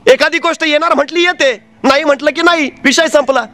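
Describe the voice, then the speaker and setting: A man giving a motivational speech, telling a story with rhetorical questions and dramatic swings between loud and soft. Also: very high voice, fairly even intonation, a little fast, no echo. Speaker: motivational speaker.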